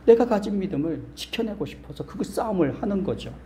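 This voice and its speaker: A male pastor preaches in a small church, quizzing and joking with the congregation before climbing to emphatic, insistent peaks. His high voice swings widely in pitch, runs a little fast with a warm tone, and there's a little hiss or hum.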